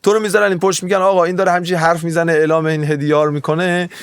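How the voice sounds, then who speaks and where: A man's voice: fairly high pitch, flat delivery, clean tone, no room sound. Chatty man teaching, dry close sound. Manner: chatty, digressive, often waves off his own tangents. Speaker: music producer teaching mixing. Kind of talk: casual screen tutorial.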